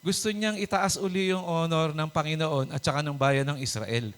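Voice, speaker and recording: A pastor giving a conversational sermon, mixing Tagalog and English, chuckling often and checking in with the congregation with "di ba?" and "Amen?". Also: male voice, a little high, moderate pace, fairly bright tone, smooth. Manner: chuckles often while preaching; hesitant, with many fillers and restarts.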